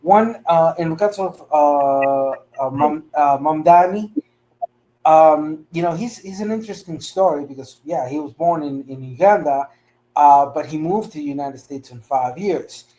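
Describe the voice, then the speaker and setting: A man from Costa Rica, a panelist in a discussion, speaking haltingly with many fillers and restarts. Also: on the high side, warm tone, low-quality recording.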